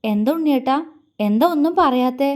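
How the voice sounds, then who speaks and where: A woman voicing a grieving young wife who speaks softly and emotionally in an audio drama. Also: high voice, normal speed, natural voice. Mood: tender, tearful. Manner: soft, emotional, pleading.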